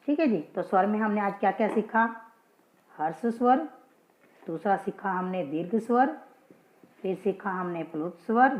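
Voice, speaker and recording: A woman gives a casual grammar lesson, patient and steady, often checking that her listeners follow. She asks a question and then answers it herself. The sound is dull and lo-fi, with a roomy echo. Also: mid-range voice. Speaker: Hindi grammar teacher. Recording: dull lo-fi, echoey room.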